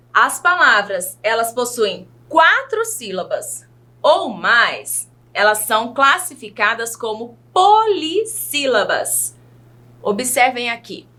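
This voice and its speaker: A woman teacher with a Brazilian Portuguese accent, giving a patient children's video lesson and sounding out words slowly, syllable by syllable. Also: on the high side, pushed and bright. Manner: slow, careful syllable-by-syllable enunciation; patient, addresses young pupils directly.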